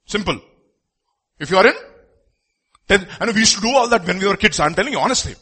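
Speaking fast in a high-pitched, husky voice with an Indian accent, a man preaches a sermon with animated emphasis, repeating phrases and asking rhetorical questions. His tone is bright and forceful.

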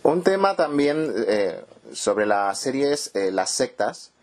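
A man interviewing the cast of a series, asking long questions slowly with many hesitations. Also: mid-range voice, very animated. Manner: hesitant, many ehs, slow searching questions.

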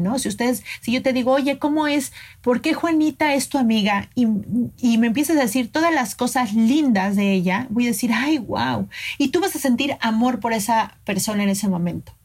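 A middle-aged woman, hosting a podcast and giving earnest relationship advice straight to her listeners. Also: a little high. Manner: earnest, coaching, addresses listeners directly. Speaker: podcast host.

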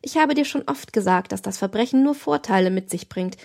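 A woman's voice: mid-range voice, lively intonation, fairly quick, vocal fry, a little mellow. A woman voicing a cruel, scheming young nobleman in an audiobook, lofty and lecturing. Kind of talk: audiobook reading.

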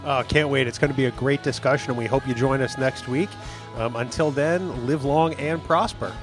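A man's voice: mid-range voice, moderate pace, music in the background. A man co-hosting a podcast, teasing his partner dryly and steering the recording. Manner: dry, teasing, directs the recording. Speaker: podcast co-host. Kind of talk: casual podcast chat.

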